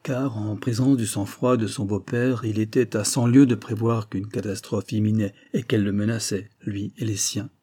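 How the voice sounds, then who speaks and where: A man narrating a classic novel as an audiobook in a measured, expressive way. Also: fairly low pitch.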